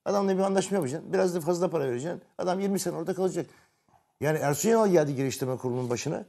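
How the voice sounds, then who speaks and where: A man co-hosting a football talk show, pressing his point with pushy, rapid-fire questions. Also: a little high, gravelly, dark tone. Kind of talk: heated studio debate.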